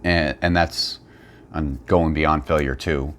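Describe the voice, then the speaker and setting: A man's voice: extremely low pitch, steady tone, slow, a bit bright, a little hiss or hum. A man giving blunt, opinionated, unscripted commentary and explanations as a fitness video creator.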